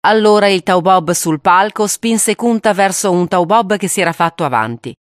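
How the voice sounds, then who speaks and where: A woman reading a novel aloud in a steady, grave audiobook narration. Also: mid-range voice, moderate pace, dry recording, studio quality.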